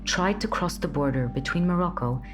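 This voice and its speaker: A woman reading scripted documentary narration in a measured, grave way. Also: fairly low pitch. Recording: narration over loud music.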